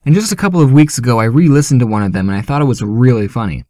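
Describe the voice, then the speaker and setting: A man talking casually to his viewers as a YouTuber, joking with an animated delivery. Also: medium pitch, rapid-fire, no echo, clean studio sound. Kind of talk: casual vlog talk.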